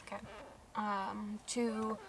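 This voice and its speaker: A woman's voice: medium pitch, level tone, extremely slow, creaky, heavy background noise. A young American woman from Idaho, reading out questions in a casual Q&A and laughing easily. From Idaho, United States. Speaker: co-host asking questions. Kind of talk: casual Q&A chat.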